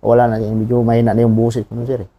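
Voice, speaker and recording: A Filipino man in his thirties, a soldier who tells his war story in an interview. His voice is very dark and mellow at an ordinary middle pitch. He speaks haltingly and often tacks on a respectful "sir". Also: completely flat delivery. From Philippines. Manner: plain and halting, often adds a polite "sir". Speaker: wounded soldier, interview guest.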